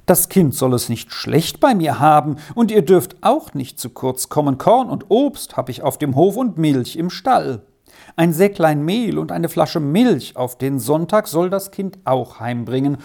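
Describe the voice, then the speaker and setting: A woman voicing a generous, firm middle-aged farmer's wife who talks in a brisk, kindly way in a read-aloud storybook. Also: sits low, big pitch swings, creaky, mellow, heavily acted.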